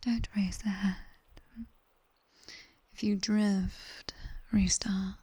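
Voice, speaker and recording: In a whispered ASMR roleplay with a guided body scan, a British woman plays a sharp-tongued, teasing nightmare demon tutor, breathing close to a binaural ear mic. Her exaggerated, husky voice sits at medium pitch with a level tone. She sounds soothing and instructive, speaking slowly, intimately, teasingly and commandingly.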